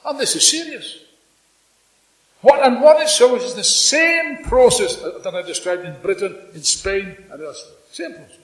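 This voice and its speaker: High-pitched older man giving fiery revolutionary speech. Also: expressive, a bit bright, distant mic. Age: 60s or older. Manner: emphatic, deliberate, with repetition and dramatic pauses. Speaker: political speaker at a congress. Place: indoor hall before a seated audience. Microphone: microphone on a stand. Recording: echoey hall public-address sound.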